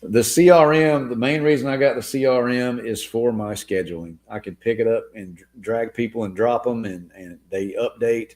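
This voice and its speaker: A man with a medium-pitched, slightly mellow voice hosts a casual live Q&A stream, speaking at a moderate pace with few pauses. He answers viewer comments in a relaxed way, calling people "man" and "dude," while his voice wears thin.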